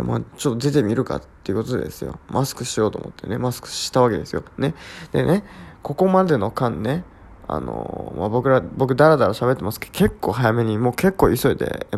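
A man's voice: mid-range voice, creaky, a little mellow, slightly rough. A sleepy man hosting his own talk show, telling a rambling, repetitive story full of sound words in a casual solo chat. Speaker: podcast host.

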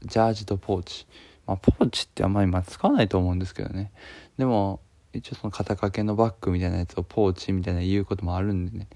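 Chatting casually to the camera in a vlog, a male video creator with a Kansai Japanese accent jokes around and uses lots of fillers. His voice is fairly low and dark, and the recording is dry.

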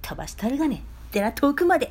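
A woman's voice: sits high, very animated, rapid-fire, darkish tone, pitched above the performer's own voice. A woman putting on a theatrical movie-trailer voice with a thick Nagoya accent. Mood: dramatic. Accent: Nagoya dialect. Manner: theatrical, rising intensity. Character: overblown movie-trailer narrator, dramatic.

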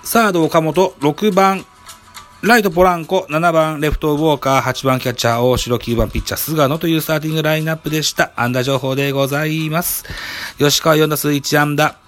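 A man's voice: fairly high pitch, fairly even intonation, a little fast, fairly bright tone, faint music behind. A man hosting a baseball game review, speaking in very polite, formal announcer-like phrasing. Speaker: host.

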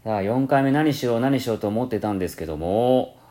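A man from Kansai with a Kansai-tinged accent mixed with standard speech, hosting a casual solo radio talk, rambling with many fillers and self-corrections. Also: fast. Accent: Kansai mixed with standard Japanese. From Kansai, Japan. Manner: lively rising and falling pitch. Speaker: podcast host.

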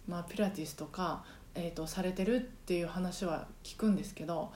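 A woman's voice: lowish voice, a little fast, a little mellow, slight background noise. Chatty woman singing teacher, echoey room. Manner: chatty, many fillers, sings short phrases to demonstrate. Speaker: podcast host and singing trainer. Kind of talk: casual solo podcast talk. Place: apartment home.

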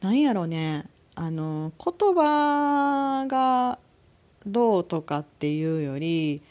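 A woman from Kansai with a Kansai accent, hosting a casual solo talk show, chatty and quick to laugh. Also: mid-range voice. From Kansai, Japan. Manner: chatty, laughs often, lively sound words. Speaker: podcast host.

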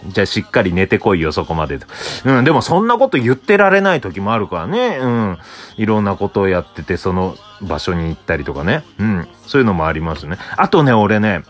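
A young man from Hokkaido hosting a solo podcast, rambling casually and answering himself with soft filler sounds. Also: lowish voice. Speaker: podcast host.

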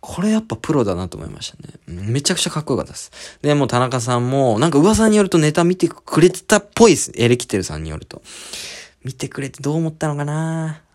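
A male sketch comedian telling a story in a casual solo talk show, rambling and full of filler words. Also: quick pace. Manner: animated, swooping pitch.

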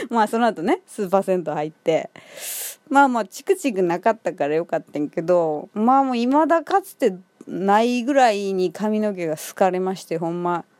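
A woman's voice: medium pitch, big pitch swings, normal speed, darkish tone, no room sound. A woman with a Kansai accent talking alone in a casual monologue, chatty, with many fillers and frequent laughs. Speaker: solo podcast host.

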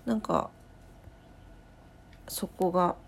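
A woman hosting her own late-night talk show from home, rambling and thinking aloud with many pauses. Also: on the low side, huge pitch swings, creaky, slight background noise. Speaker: podcast host. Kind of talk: casual late-night solo chat.

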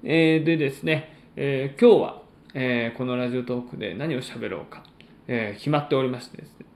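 A man hosting a solo podcast, chatting in polite, formal announcer-like phrasing with frequent pauses. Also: medium pitch, a little mellow, echoey room. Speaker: podcast host and stand-up comedian.

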